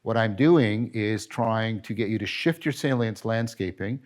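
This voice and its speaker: A middle-aged man giving a philosophy lecture, animated and emphatic, often correcting himself and asking rhetorical questions. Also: lowish voice, unhurried.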